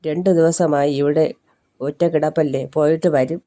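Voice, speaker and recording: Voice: medium pitch, fairly even intonation, moderate pace, dark tone, lightly acted. A storyteller voicing a worried young wife in a spoken story, with a pleading manner.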